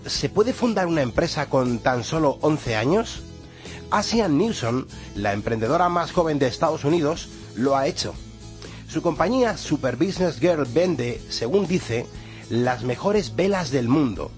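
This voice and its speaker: A man's voice: on the high side, very animated, normal speed, soft background music. A man with a Castilian Spanish accent presenting morning radio in an upbeat style, his voice congested, hollow and duck-like from a cold. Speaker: radio morning show host.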